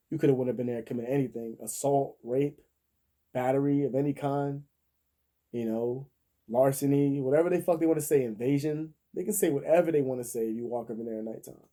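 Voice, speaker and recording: Very dark-voiced man telling a rough story. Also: medium pitch, quick pace. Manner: profane, laughs often, acts out the people he quotes. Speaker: vlogger. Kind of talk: casual storytelling.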